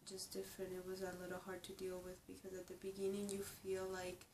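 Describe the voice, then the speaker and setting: Young woman, from Ecuador, native Spanish speaker, halting personal interview, mic at a distance, echoey. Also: medium pitch, completely flat delivery, darkish tone, slight background noise. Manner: reflective, halting, frequent restarts. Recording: roomy echo, distant mic, faint ambience.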